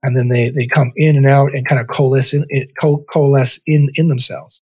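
A man's voice: mid-range voice, steady tone, normal speed, darkish tone, slightly rough. A man in his forties, a podcast guest, guiding listeners through a meditation exercise in a rambling, repetitive way as he searches for words.

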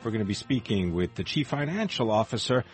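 A man's voice: on the low side, lively intonation, a little fast. A man hosting a radio show, reading a scripted tease of what is coming up. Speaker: radio host. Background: music.

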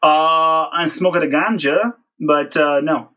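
A man's voice: fairly high pitch, slow pace, bright, forceful tone. A man playing a laid-back suspect in an improvised comedy interrogation, speaking in an easy drawl.

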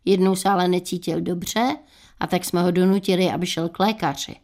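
A woman in her sixties hosting a radio show, telling humorous anecdotes in a dry, unhurried way. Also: on the low side, steady tone, darkish tone. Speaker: radio host.

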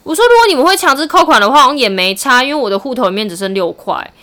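A woman's voice: sits high, lively intonation, very fast, bright, forceful tone. A woman in her thirties with a Taiwanese Mandarin accent, telling a story in casual chat, acting out the other side's lines and laughing often. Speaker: podcast co-host.

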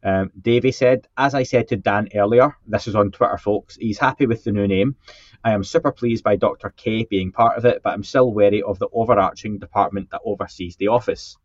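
A man's voice: on the low side, brisk, dry recording. A man co-hosting a podcast in casual chat, joking and self-deprecating while he reads out listener comments. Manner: joking, self-deprecating, repeats words when starting. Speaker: podcast co-host. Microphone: podcast microphone with a faulty setup. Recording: dull, muffled mic sound.

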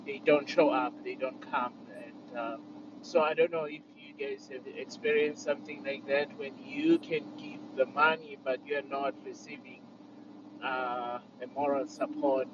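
A man calling in on a car speakerphone while driving, speaking hesitantly with many pauses. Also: mid-range voice. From South Africa. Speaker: caller. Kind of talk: casual group audio chat. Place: moving car. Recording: distant dull car speakerphone with road noise. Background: engine and road noise.

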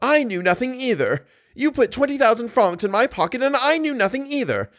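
A man's voice: extremely high pitch, sing-song, brisk, a bit bright, pitched above the performer's own voice, heavily acted. A man voicing a blustering, furious theatre manager who roars and swaggers. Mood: swaggering. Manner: roaring, swaggering.

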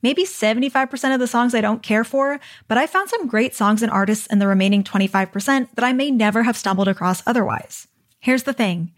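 A woman's voice: on the high side, a little fast. Upbeat woman hosting a podcast. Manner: upbeat, encouraging, conversational. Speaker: podcast host. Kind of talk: scripted solo podcast monologue.

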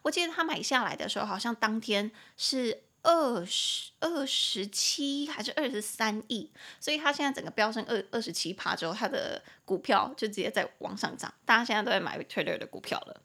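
A young woman hosting a chatty podcast English lesson, explaining words slowly and repeating them. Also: fairly high pitch, lively intonation, creaky, pushed and bright. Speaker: podcast host, English teacher.

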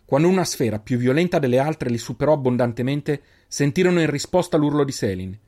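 A man narrating a fantasy story in a measured, even reading. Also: medium pitch. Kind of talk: audiobook narration.

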